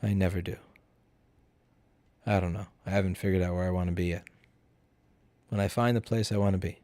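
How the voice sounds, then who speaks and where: A man's voice: low-pitched, fairly even intonation, fairly quick, a little mellow, no room sound. A drunk man hosting a casual livestream Q&A, reading out viewer messages and answering them in a blunt, profane, argumentative way. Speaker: livestream host.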